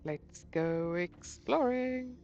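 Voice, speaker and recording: A woman hosting a gaming channel, chatting casually to herself as she plays, excitable and quick to swear mildly. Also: on the low side, highs cut off, faint music behind. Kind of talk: casual gameplay commentary.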